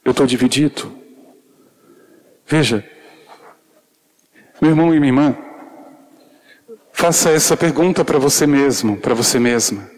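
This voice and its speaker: A man's voice: medium pitch, measured pace, pauses often, a little mellow. A male preacher giving an earnest sermon, speaking intimately to the congregation with shy, self-deprecating humor.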